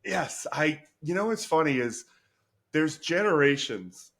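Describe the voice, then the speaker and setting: Animated man in his fifties, chatting. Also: fairly high pitch, measured pace. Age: 50s. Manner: animated, laughing, acts out his own reactions. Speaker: podcast host. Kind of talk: casual chat.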